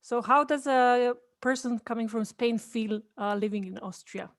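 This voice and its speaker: A woman's voice: on the high side, moderate pace, no echo, clean studio sound. A woman from Bosnia, not an English speaker, hosting an interview show and asking questions casually with affirming hums. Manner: friendly, frequent affirming hums. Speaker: host.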